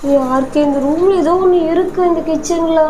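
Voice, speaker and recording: A woman's voice: extremely high pitch, steady tone, a little fast, crowd noise. A woman in a casual couple vlog, frightened and pleading, scolding her partner in a home kitchen at night. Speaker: vlogger, partner being pranked.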